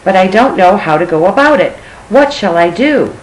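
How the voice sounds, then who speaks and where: A woman's voice: mid-range voice, lively intonation, moderate pace, lightly acted, low-quality recording. A woman voicing a young male storybook elephant, innocent, earnest and pleading, unsure of himself and eager to please. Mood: earnest, puzzled.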